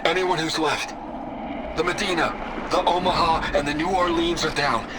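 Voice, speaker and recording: An actor playing a male naval officer calling for help in battle, heard as an old crackly recorded distress message, urgent and shouting. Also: fairly high pitch, fairly even intonation, moderate pace. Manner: urgent, shouting over combat. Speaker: ship's radio officer. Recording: loud static hiss.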